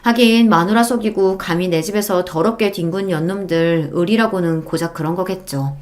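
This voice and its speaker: A woman's voice: on the low side, moderate pace, darkish tone. A woman narrating a first-person audiobook story in an indignant, emphatic tone.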